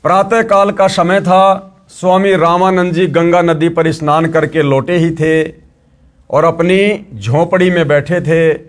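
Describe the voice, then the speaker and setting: A man narrates a devotional story and breaks off to preach. He talks earnestly to his brothers and sisters. His voice sits slightly high for a man. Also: fairly even intonation, measured pace. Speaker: religious storyteller.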